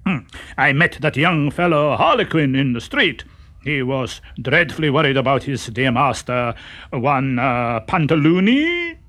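A man's voice: medium pitch, very animated, measured pace, a bit bright. A man voicing a young servant pretending to be a grand doctor, pompous yet hesitant.

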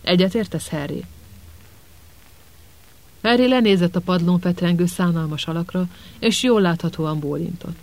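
A man narrating an audiobook with steady, dramatic storytelling. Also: high voice, poor audio.

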